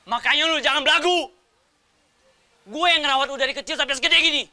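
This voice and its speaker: An actor playing a hot-tempered older brother in a TV soap who shouts orders in a harsh, bossy way. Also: male voice, very high-pitched, fast, exaggerated voice. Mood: angry. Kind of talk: TV soap acting.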